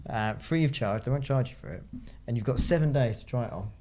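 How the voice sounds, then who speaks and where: A man's voice: mid-range voice, quick pace, background noise. A young man co-hosting a casual chat podcast, chatty and talking over the others. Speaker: podcast co-host.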